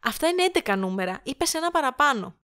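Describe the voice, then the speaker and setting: An actress playing a sick, impatient young woman who is sarcastic and quick-tempered. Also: high voice, very animated, a bit bright. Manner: snappy and sarcastic.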